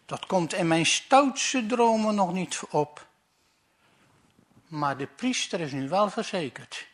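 Brief: shrewd dry salesman, put on by a man telling jokes, slow and wry. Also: sits high, animated, roomy sound, far from the mic, a little hiss or hum. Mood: sly.

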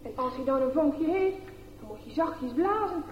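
A woman reading a children's story aloud in an expressive, animated way. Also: sits high, normal speed, faint music behind. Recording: echoey, dull lo-fi room recording.

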